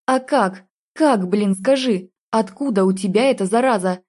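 A bitter, jealous young man who has been drinking, snapping out harsh accusations, as a woman narrator puts him on. The voice stays mellow and warm, in a middle register. It is read as part of an audiobook. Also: mid-range voice, normal speed, lightly acted. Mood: accusing.

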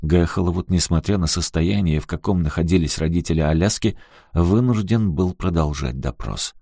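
A man narrating an audiobook in a measured, even reading. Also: deep voice, no echo, studio quality.

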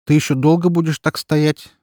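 A man voicing a calm, sly mysterious stranger in an audiobook. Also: a little high, normal speed, no room sound, clean studio sound, pitched above the performer's own voice, lightly acted.

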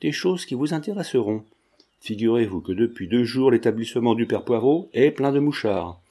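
A man reading the part of a sly old man who pretends to be deaf and talks in a lowered, scheming way. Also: expressive, moderate pace, dark tone, husky. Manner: lowered, conspiratorial speech.

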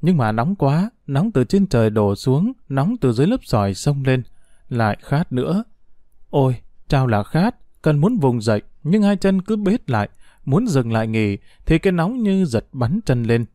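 Expressive male storyteller, dark warm voice. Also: mid-range voice, moderate pace, no echo, studio quality. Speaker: narrator. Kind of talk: audiobook narration.

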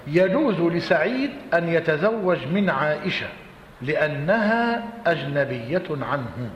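A man's voice: fairly high pitch, sing-song, a little slow, highs cut off. A man with an Egyptian accent teaching a class, repeating his points and quizzing his students. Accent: Egyptian Arabic. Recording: roomy reverberant hall, faint noise.

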